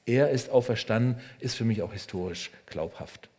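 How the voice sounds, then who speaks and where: A man preaching a sermon in short phrases, speaking straight to the listener and swinging between loud emphasis and hushed, almost whispered lines. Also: mid-range voice, normal speed, breathy edge. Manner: addresses the listener directly and personally. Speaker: pastor.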